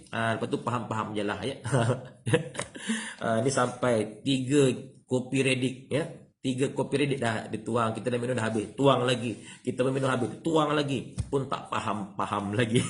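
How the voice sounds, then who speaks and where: A man with a Malaysian Malay accent teaching an evening religious class over a livestream. His delivery is animated, jumping up in pitch to act out exchanges and dropping low for asides, with frequent "ya" and "ha". A faint hiss and occasional clicks sit under the voice. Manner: animated, acts out dialogue, many "ya" and "ha" tags. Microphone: livestream microphone.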